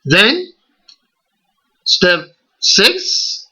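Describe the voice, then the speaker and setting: With a high voice, big pitch swings, a sharp tone, and a breathy edge, a man with a Ghanaian English accent walks learners through a software tutorial recorded from his screen. He goes slowly, step by step, asking rhetorical questions, and the recording quality is low.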